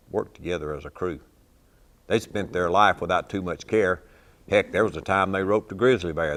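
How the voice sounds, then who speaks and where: A man's voice: low-pitched, a bit bright. A man in his sixties with a cowboy drawl, reciting storytelling verse as a cowboy poet.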